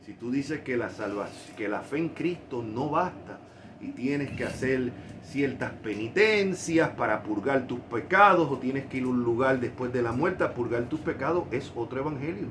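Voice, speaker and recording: A man's voice: medium pitch, expressive, moderate pace, noisy background. A man from Puerto Rico with a Puerto Rican Spanish accent, preaching a sermon with emphatic, rising stresses on key points.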